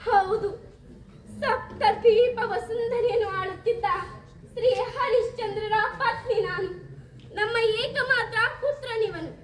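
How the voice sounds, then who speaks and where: A woman's voice: very high-pitched, a little slow, background noise. A young woman on stage voicing a grieving queen and devoted wife, crying and pleading. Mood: proud. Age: late teens. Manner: wailing, tearful pleading. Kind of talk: stage mono-acting. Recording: echoey hall.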